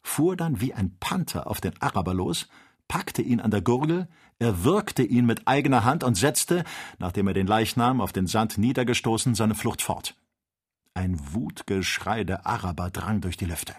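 A male narrator reads a classic adventure novel aloud, steady and measured. His voice sits low, with a husky, somewhat breathy quality. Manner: measured, even storytelling. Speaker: audiobook reader.

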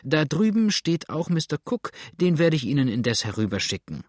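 A man voicing a small, brisk, callous male country doctor who talks in a clinical, eager way and often exclaims. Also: fairly high pitch, big pitch swings, no room sound, clean studio sound, pitched above the performer's own voice.

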